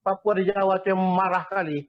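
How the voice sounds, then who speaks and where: A man's voice: high-pitched, fairly even intonation, a little fast, lo-fi sound. A man joining a casual discussion, chatty and wry.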